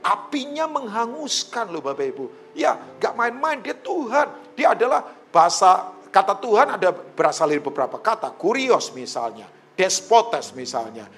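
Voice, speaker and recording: A middle-aged man preaching a sermon, animated and often addressing the congregation directly. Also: high-pitched, moderate pace, slight background noise. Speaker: pastor.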